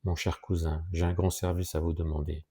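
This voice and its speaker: A distressed young woman, anxious and hesitant, pleading in a shaky voice, as a male reader puts her on. It comes across as a plain storybook reading. The tone stays dark and low. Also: flat delivery, brisk, breathy edge.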